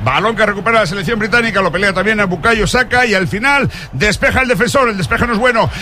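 High-voiced Spanish man, breakneck goal commentary. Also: slight background noise. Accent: Spain. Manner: excited, shouted, drawn-out goal calls. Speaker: play-by-play football commentator.

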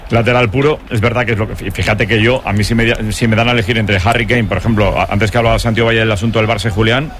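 Fast-talking Spanish man analysing football. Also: fairly low pitch, steady tone, a bit bright, a little hiss or hum. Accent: Spain. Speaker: sports radio pundit. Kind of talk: rapid conversational match analysis.

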